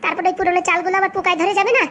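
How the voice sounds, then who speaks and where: A woman's voice: very high voice, level tone, rapid-fire, fairly bright tone, dull audio, a little hiss or hum. A woman playing a folksy cartoon mother-in-law. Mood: explaining. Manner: homely, explaining, folksy. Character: older mother-in-law, patient but stubborn. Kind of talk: comic cartoon dubbing.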